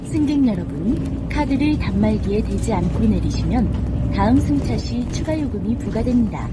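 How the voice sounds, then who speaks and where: Inside a moving bus, a woman's scripted stop announcements play over the cabin speakers, formal and carefully enunciated. Her voice is a little high and animated, at a moderate pace. The recording of the speakers is noisy, with loud vehicle and road noise behind her.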